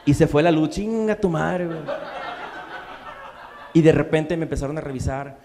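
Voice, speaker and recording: A man's voice: on the high side, moderate pace. A man doing a crude, slang-heavy stand-up comedy set on stage in a comedy bar. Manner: crude, slangy punchlines with acted-out quotes. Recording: live club with long reverb.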